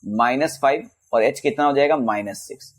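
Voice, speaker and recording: A male physics teacher with a mid-range voice works through exam questions in a casual Hindi lesson. He calls his students bhaiya and beta and reads the English questions out slowly.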